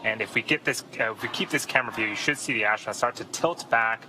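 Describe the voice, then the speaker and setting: A man giving live, explanatory launch commentary in an informative, measured way with frequent pauses. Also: mid-range voice. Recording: faint background noise.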